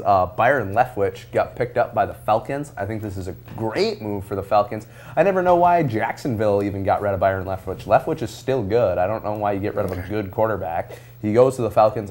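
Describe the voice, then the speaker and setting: A man on a live sports talk show, giving his quick, earnest take on team moves. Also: lowish voice, a little mellow. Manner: quick, earnest, with many fillers and restarts. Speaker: radio sports talk co-host. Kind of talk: sports opinion segment.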